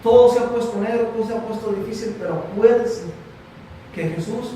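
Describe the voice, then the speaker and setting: A pastor delivers a sermon in a high, ringing voice, leaning into each point and repeating his address to the congregation. He sounds distant from the microphone, his words washing through a very echoey church hall. Faint room ambience hums underneath. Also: fairly quick, warm tone, a little hiss or hum. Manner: preaching with rising emphasis, repeating "mi hermano".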